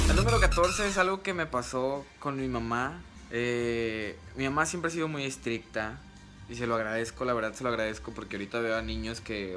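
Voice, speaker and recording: Animated young Mexican man telling stories. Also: medium pitch. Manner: animated, comic, self-mocking storyteller. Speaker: vlogger. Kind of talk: casual storytelling to camera.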